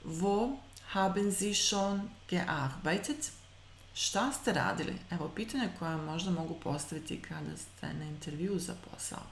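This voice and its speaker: Teaching German online, a woman in her thirties pronounces example sentences with slow care and fills the gaps with brisk explanatory asides. The webcam recording of her lowish voice is reverberant and carries slight hiss or hum.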